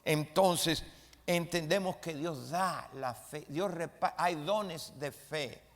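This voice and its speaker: A pastor preaching a sermon to his congregation, with emphatic delivery that swells to loud peaks and calls for responses from the room. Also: a little high, slow. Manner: emphatic preaching, rising to loud dramatic peaks when retelling the story. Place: church sanctuary. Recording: long reverb of a church hall.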